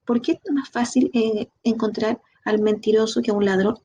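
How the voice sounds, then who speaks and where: A woman with a Chilean Spanish accent giving a training lecture, lively, asking her students rhetorical questions. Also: a little high, moderate pace, slightly rough. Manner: lively, talks to the class directly with rhetorical questions. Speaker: instructor.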